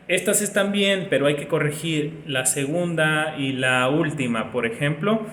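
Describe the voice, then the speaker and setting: Male teacher, patient step-by-step delivery, slightly high voice, roomy echo with long reverb. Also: fairly bright tone. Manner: patient, explains step by step, checks in with students. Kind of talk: recorded remote class lesson. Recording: echoey room with long reverb, faint noise.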